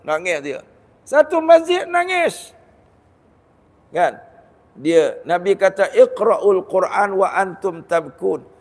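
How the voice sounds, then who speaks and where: A man with a Malaysian Malay accent giving a Ramadan sermon, lively and storytelling, with jokes and rhetorical questions. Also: high voice. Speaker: religious teacher giving a Ramadan talk. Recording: long hall reverb.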